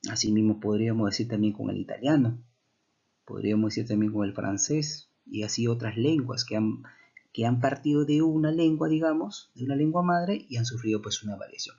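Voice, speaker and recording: A man's voice: medium pitch, brisk, gravelly, warm tone, slightly rough, highs cut off. A man teaches a language class, explaining step by step and often checking in with rhetorical questions.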